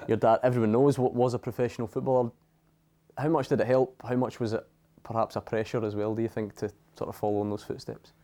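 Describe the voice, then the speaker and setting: A man's voice: medium pitch, fairly even intonation, fast, mellow. A man hosting a casual podcast interview, putting questions to his guests.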